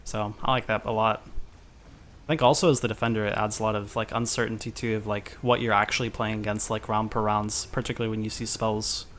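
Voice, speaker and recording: Flat-voiced man on a headset mic. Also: on the low side, quick pace, slight background noise. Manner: relaxed, chatty, many fillers. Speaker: host of a match review. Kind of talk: casual online game chat.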